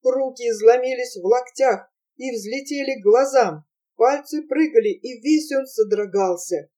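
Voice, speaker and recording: A woman narrating a literary story in a slow, measured reading, recorded from a distance. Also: fairly high pitch, warm tone.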